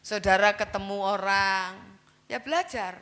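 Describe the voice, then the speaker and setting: A woman pastor preaching a sermon in with a touch, stressing key words with big rises and slipping into quick, chatty asides. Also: mid-range voice, a bit bright.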